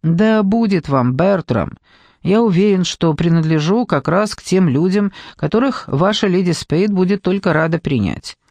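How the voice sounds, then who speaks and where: A man's voice: high-pitched, lively intonation, moderate pace, darkish tone, no room sound. A man voicing a brash, self-assured private detective who is cheekily polite. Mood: cocky. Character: brash, breezy, flamboyant male private detective.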